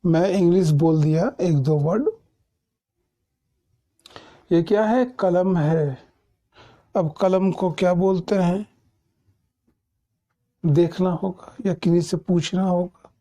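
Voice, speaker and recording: A man teaching English in a doubt-clearing class, speaking very slowly in a soft, mellow voice. He explains patiently, repeats his points and keeps checking that his students follow. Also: sits high.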